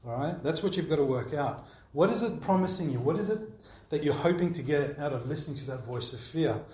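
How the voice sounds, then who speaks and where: A man with a somewhat high voice preaches in a relaxed, conversational way, often pausing to check in with his listeners. His voice carries a roomy echo from a church hall. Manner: conversational, keeps checking in with "all right?". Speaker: pastor. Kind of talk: sermon answering congregation questions.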